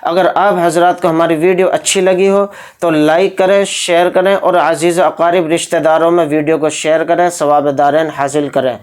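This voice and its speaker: A man's voice: a little high, steady tone, normal speed, clear, resonant tone. A man teaching Quran recitation, patiently explaining each letter and drawing out the sounds as he demonstrates. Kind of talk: slow, methodical recitation lesson.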